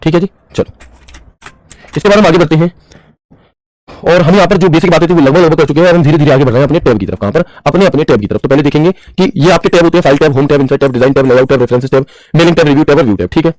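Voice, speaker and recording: A man's voice: on the high side, very fast, a little mellow, dry recording, poor audio. A man teaching a computer class who mixes English terms into his talk and keeps asking the class questions and answering them himself. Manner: mixes English terms into Hindi, calls students bhaiya. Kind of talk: screen-share tutorial lesson.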